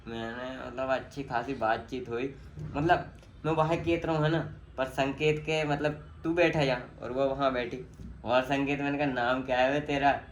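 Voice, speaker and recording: A man's voice: mid-range voice, fairly even intonation, normal speed, a little hiss or hum. A young man vlogging, telling a long story in casual slangy chat and acting out quotes as he goes.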